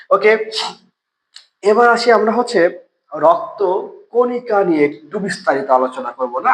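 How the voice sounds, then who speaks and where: A man with a Bangladeshi Bengali accent teaching a biology lesson, asking questions and answering them himself and spelling out terms slowly syllable by syllable. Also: on the high side, rough recording. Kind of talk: online classroom lesson.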